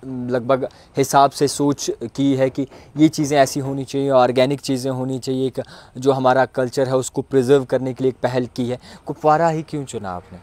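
A man's voice: mid-range voice, steady tone, moderate pace, a little mellow. A young man interviewing a guest outdoors, asking formal, courteous questions and offering encouraging remarks.

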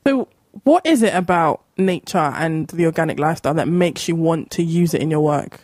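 A woman's voice: low-pitched, fairly quick, darkish tone, no room sound. Woman radio host, dry studio sound. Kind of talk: casual live radio interviewing.

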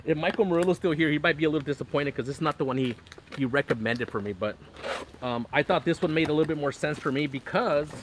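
Outdoors beneath a canopy in his backyard, a middle-aged man running a fishing channel talks loosely on a live stream, peppering it with fillers, restarts and bursts of laughter. His voice sits on the high side with a fairly bright tone, captured close up by a phone camera, with slight background noise.

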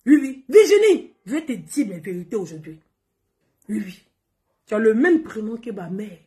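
Speaking directly to her followers, this woman launches into a confrontational, scolding rant, circling back to the same points again and again. Her voice is a little high and warm, with big swings in pitch and a moderate pace. She's a social media personality venting angrily to camera.

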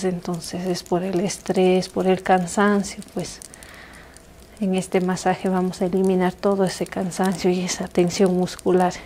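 A young woman narrating an ASMR massage in a hushed, intimate, soothing voice that is close to a whisper. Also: fairly low pitch, a little hiss or hum. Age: young adult. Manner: hushed, intimate, soothing soft-spoken delivery, dropping into whispers. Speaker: massage practitioner. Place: small living room, indoors.

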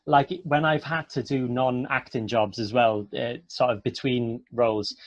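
A young Welsh actor with a Welsh accent chats as a guest in a casual video-call interview, speaking in loose runs full of fillers and restarts. His medium-pitched voice has fairly even intonation and a measured pace, captured on an earphone mic as dry, slightly dull audio with no room sound.

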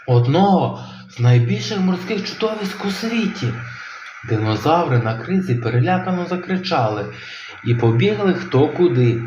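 A man narrating a children's audio tale in an animated, expressive way. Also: on the high side, slight background noise. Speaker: storyteller. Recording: roomy, slightly dull home recording.

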